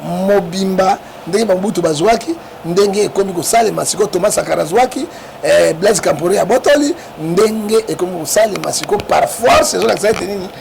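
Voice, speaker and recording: A man from the Congo speaks with a Congolese French accent, his voice pitched high and rough with gravel. He argues hard, pushing his points and tagging them with quick questions to the listener. A steady noise runs under the recording. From Democratic Republic of the Congo. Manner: emphatic, keeps asking "hein?" to prod the listener. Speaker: interview guest. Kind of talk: animated political talk. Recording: noisy background.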